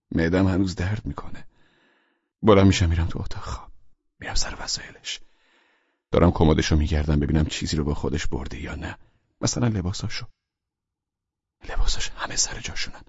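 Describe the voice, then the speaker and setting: Husky male audiobook reader, lively delivery, dry lo-fi recording. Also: a bass voice, dry recording. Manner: intimate, shifting to hushed whispers. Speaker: audiobook narrator. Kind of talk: first-person story reading.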